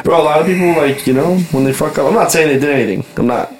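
Fast-talking young frat-bro guy. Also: a little high, a little hiss or hum, low-quality recording. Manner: frat-bro talk, slangy, peppered with "bro" and "dude". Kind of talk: casual group chat about rap.

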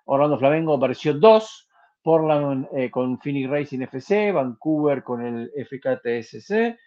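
Chatty host, dull lo-fi sound. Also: male voice, mid-range voice, measured pace, warm tone. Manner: chatty, rattling off match results with fillers. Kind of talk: casual sports talk. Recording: lo-fi muffled audio.

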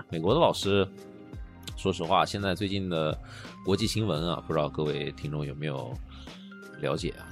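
A man in his late twenties co-hosting a casual podcast, telling stories in a chatty way that gets animated and then trails off softly. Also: low voice. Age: late 20s. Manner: storytelling, animated when recounting, trails off softly. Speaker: podcast co-host. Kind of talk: casual chat.

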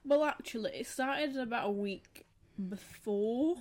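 A woman's voice: fairly high pitch, unhurried, darkish tone. A woman, co-hosting a podcast and telling rambling, self-mocking stories in casual chat. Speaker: podcast co-host.

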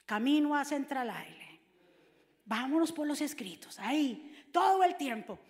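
A woman preacher, delivering an animated sermon that swings from hushed asides to shouted scripture. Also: high-pitched, unhurried, in a large hall.

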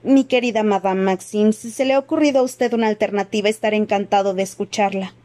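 A kindly old headmaster in a storybook, speaking with gentle, measured courtesy, voiced by a woman reader. His voice is mellow and warm, and his pitch sits in a middle range. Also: steady tone, natural voice. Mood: courteous.

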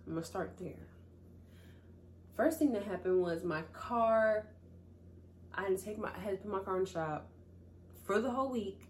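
A young woman hosts her own podcast, still recovering from a cold, talking casually in a solo chat where she calls her listeners "y'all" and "baby." Her voice is fairly low with a darkish tone, and there's a little hiss or hum.

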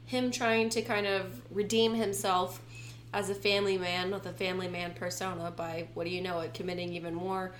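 A woman's voice: fairly low pitch, little pitch movement, normal speed. Young woman telling true crime, roomy echo. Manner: conversational, slangy asides. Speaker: podcast co-host and storyteller. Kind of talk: casual true-crime storytelling. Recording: roomy echo, faint background noise.

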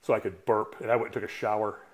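Casting: man in his sixties, coach and podcast guest, blunt cussing storyteller, halting with fillers. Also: fairly low pitch, steady tone. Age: 60s. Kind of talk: casual storytelling.

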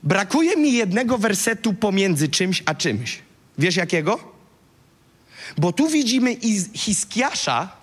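Animated man preaching in an echoey hall. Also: high voice, unhurried, breathy edge. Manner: animated, slangy storytelling, acting out Bible dialogue. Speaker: pastor. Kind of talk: lively sermon.

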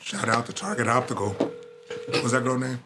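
A man co-hosts a casual podcast and tells stories with animation, acting out other people's lines. His voice is mid-pitched. Steady noise runs behind him. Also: brisk. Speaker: podcast co-host. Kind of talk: casual storytelling among friends. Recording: noisy background.

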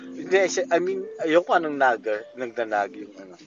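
A man's voice: mid-range voice, animated, moderate pace, music in the background. A man joining a casual chat as a guest, hesitant and searching for his words. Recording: muffled lo-fi sound.

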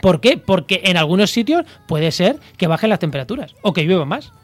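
A man's voice: high-pitched, big pitch swings, fairly quick, dry recording, faint music behind. Man from La Mancha explaining ecology. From Castilla-La Mancha, Spain. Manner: thoughtful, hesitant with fillers and restarts. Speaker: ecology expert guest. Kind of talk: radio interview, explaining.

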